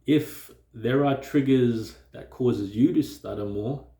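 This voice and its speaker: Echo fills the room as a vlogger speaks reflectively to camera about himself. He has a stutter and a mellow, gravelly, low voice, and his pace is slow, with frequent pauses, fillers, and restarts.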